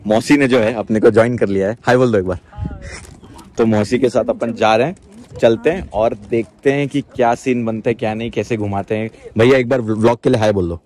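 A young travel vlogger chats excitedly in Hindi sprinkled with English words, filming himself with a handheld camera outdoors by a river and in a small round boat. His voice is mid-range and fairly quick.

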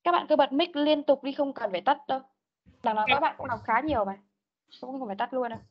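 A woman's voice: high voice, quick pace, breathy edge, highs cut off. A woman teaching an English vocabulary class online, patiently calling out words one at a time for pupils to repeat. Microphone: computer mic on a video call.

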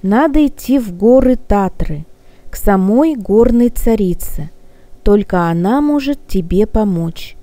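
A woman's voice: mid-range voice, lively intonation, a little slow, warm tone, no room sound, natural voice. A woman reading as a gallant old gnome. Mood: soothing. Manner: gallant, soothing. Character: kindly old male gnome, gallant and gentle.

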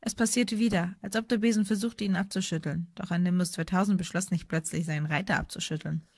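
A woman's voice: fairly low pitch, quick pace, breathy edge, no echo. Woman narrating a storybook, dry sound. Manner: steady storytelling. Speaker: audiobook narrator. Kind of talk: scripted narration.

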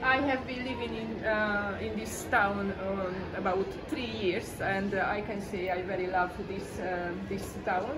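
A woman in her forties from Hungary with a Hungarian accent, talking about her paintings in a halting way with many fillers. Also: mid-range voice, steady tone. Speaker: exhibiting artist. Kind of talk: informal gallery talk. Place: small gallery room with pictures on the walls. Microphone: far camera. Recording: distant mic with room noise.

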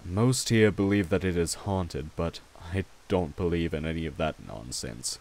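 A man plays a courtly, protective vampire king in an ASMR roleplay, addressing the listener formally and reassuringly, gently and wryly, without hurry. His voice is low and his speed normal, and the mood is calm and protective.

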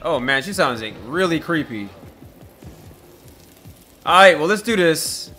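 Male gamer, excitable and profane, lively pitch, loud game music and gunfire under him. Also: unhurried. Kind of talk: gameplay commentary.

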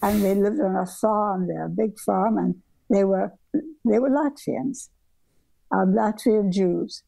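In poor audio, an older woman from southern Africa speaks slowly in a warm, creaky, mid-range voice. A guest architect on a video call from her home bedroom workroom, she reminisces conversationally and meanders, frequently starting over.

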